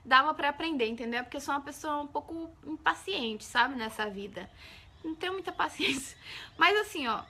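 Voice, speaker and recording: Bright, high-voiced Brazilian woman live-streaming. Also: expressive, a little fast. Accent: Brazilian Portuguese. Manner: chatty, greets viewers by name, keeps asking "entendeu?". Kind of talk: casual live-stream chat.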